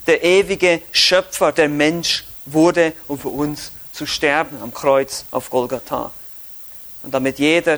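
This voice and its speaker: A Swiss German man teaching from the Bible in sermon style. His voice sits high for a man, and he stresses points emphatically, rising then dropping low. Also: fairly bright tone. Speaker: preacher.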